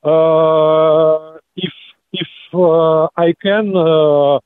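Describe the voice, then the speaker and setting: Halting Ukrainian man on a tinny phone. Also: a little high, fairly even intonation, clear, resonant tone, no echo. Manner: hesitant, halting broken English with many fillers. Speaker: prank call target.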